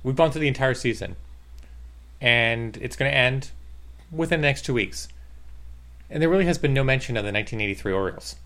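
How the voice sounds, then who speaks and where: A man's voice: medium pitch, expressive, brisk, long pauses, fairly bright tone. A man co-hosting a casual sports chat. He is blunt and sarcastic and works himself into rants about his team. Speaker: co-host.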